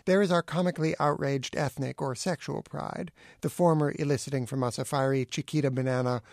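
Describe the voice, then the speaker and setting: A middle-aged man reading his own essay aloud with acerbic, deadpan wit. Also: a little high, fairly quick, vocal fry, dry recording, studio quality. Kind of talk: dry witty essay reading.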